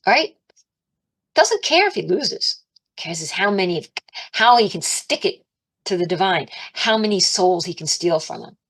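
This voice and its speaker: A woman giving an informal, chatty sermon, animated, laughing often and raising her voice to act out her pleas to God. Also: on the low side, measured pace, breathy edge. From Italian and Irish heritage. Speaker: spiritual teacher.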